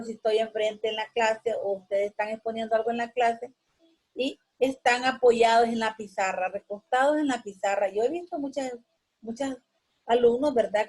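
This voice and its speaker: Woman, teacher, husky tone, classroom lesson, patient, frequent fillers and tag questions. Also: fairly high pitch, darkish tone, low-quality recording. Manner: patient, explanatory, gives everyday examples.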